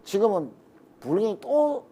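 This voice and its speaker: A middle-aged man, talking as a political guest. He has a high, lively voice that climbs and drops a lot, and he acts out the people he quotes as he tells his stories. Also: moderate pace, husky. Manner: animated storyteller who acts out quoted dialogue. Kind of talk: political interview, storytelling.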